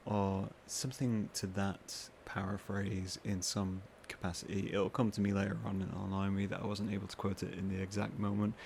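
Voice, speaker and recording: A man hosting a podcast in a casual, rambling monologue, with self-mocking asides and quoted voices acted out higher. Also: a little hiss or hum. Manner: acts out what others say in higher voices. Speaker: podcast host.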